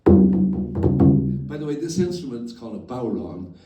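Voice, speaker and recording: A man's voice: medium pitch, big pitch swings, a little slow, warm tone. A man performing as a folksinger and humorist, telling dry stories between songs to a live audience in a library room. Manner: wry storytelling between sung verses. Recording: roomy, mic at a distance, with guitar. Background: audience and guitar.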